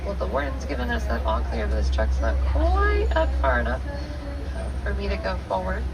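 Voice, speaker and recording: A woman's voice: mid-range voice, huge pitch swings, fairly quick, vocal fry. A woman from Tennessee working as a safari tour guide, giving an upbeat, welcoming scripted spiel to her passengers. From Tennessee, United States. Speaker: safari ride guide and driver. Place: open safari truck outdoors, heard from passenger seat. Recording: distant lo-fi vehicle PA amid loud noise. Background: loud truck and crowd noise.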